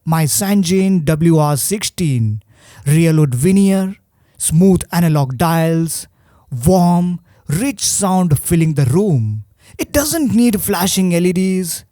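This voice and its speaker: The presenter of a radio review video reads scripted narration at an unhurried pace, with a wry, expressive delivery full of rhetorical turns. The mid-range voice is mellow and soft-edged, recorded dry and close with no echo.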